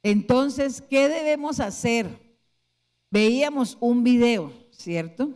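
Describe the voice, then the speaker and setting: A woman's voice: fairly high pitch, expressive, slow pace, darkish tone. Woman pastor preaching in a reverberant hall. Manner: asks the congregation many rhetorical questions. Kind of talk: sermon. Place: church hall. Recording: long church hall reverb.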